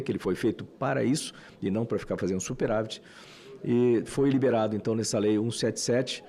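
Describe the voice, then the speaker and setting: A man's voice: mid-range voice, dark tone. A Brazilian man, a senator, giving a loose, conversational parliamentary speech with frequent fillers. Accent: Brazilian Portuguese. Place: legislative committee room.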